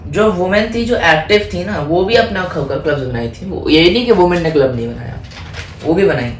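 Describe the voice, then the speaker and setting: A man teaches history in a casual exam-prep style, moving between Hindi and English. He asks himself questions and then answers them, and he stumbles on French names. His voice sits a little high and sounds roomy and echoey, with faint noise underneath. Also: expressive, moderate pace. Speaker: history tutor.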